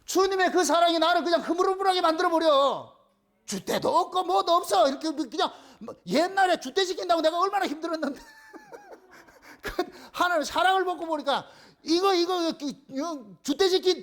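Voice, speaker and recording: A man's voice: very high voice, fairly quick. A middle-aged male pastor with a Gyeongsang accent, preaching a playful sermon and acting out little scenes in voices. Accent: Gyeongsang Korean. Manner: animated, playful, acts out phone calls in voices.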